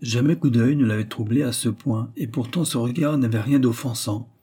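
A man narrating a literary novel as an audiobook in a measured, even storytelling manner. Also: medium pitch, husky.

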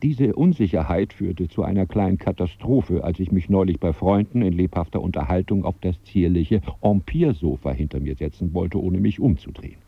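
A gravelly, brooding narrator. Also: male voice, brisk, few pauses, dry recording, narrow, tinny audio, full character voice. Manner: brooding inner monologue, bursts into shrill rage. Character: self-conscious man losing control of his body. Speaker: first-person narrator of a radio play. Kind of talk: radio drama narration and acting.

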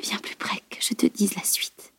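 A woman's voice: mid-range voice, little pitch movement, fairly quick, dark tone, slightly rough, no room sound, studio quality, close to an everyday voice. A woman reading an audiobook and voicing a dying young woman warrior who whispers with strain and little breath. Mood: faint tender.

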